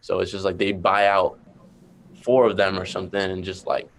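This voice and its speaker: A young man with a Boston accent speaks in a deep, even, almost monotone voice. He is a rapper guest on a podcast and rambles through his answers, leaning on fillers. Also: normal speed. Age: young adult. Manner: laid-back, rambling with many fillers. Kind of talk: casual interview chat.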